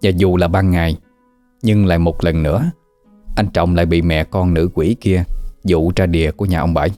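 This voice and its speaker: A man narrating a scripted ghost story in a steady way. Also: low-pitched, normal speed. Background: faint background music.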